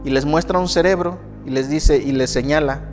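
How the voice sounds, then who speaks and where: A man's voice: fairly high pitch, normal speed. A man preaching a sermon as a pastor, telling a personal testimony with emphatic repetition. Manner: emphatic, repeats phrases for effect, acts out quoted people. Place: church. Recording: church hall with long reverb and soft music.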